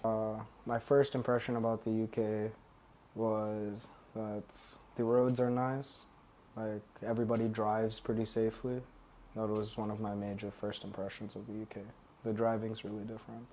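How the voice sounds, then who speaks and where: A young man from India, an international student, answering documentary interview questions in a relaxed, casual way with fillers. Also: lowish voice, normal speed, slight background noise. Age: young adult.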